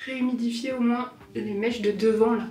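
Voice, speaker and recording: A woman's voice: a little high, fairly even intonation, normal speed, mellow. A young woman chatting casually to camera in her apartment, rambling with self-mocking asides. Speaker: vlogger. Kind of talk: casual home vlog. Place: apartment living room.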